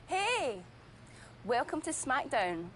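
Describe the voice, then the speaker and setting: A smug, scheming Scottish wrestling champion in game dialogue. Her voice is bright and sharp, high for a woman, and it leaps up and down as she mocks. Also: takes it slowly, a little hiss or hum, heavily acted. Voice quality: bright, lively and mocking, with high laughs.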